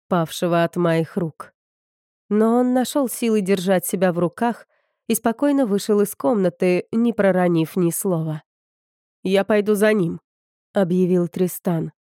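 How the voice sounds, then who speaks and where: A woman's voice: on the low side, dark tone, dry recording, clean studio sound. A woman narrating a novel as an audiobook reader, giving each character a slightly different voice. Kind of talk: scripted narration.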